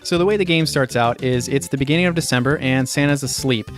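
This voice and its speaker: A man co-hosting a podcast who tells things in a lively, casual way, full of "like" fillers. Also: mid-range voice, fast, soft background music. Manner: animated storytelling, with lots of "like" fillers. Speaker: podcast co-host. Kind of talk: casual chat.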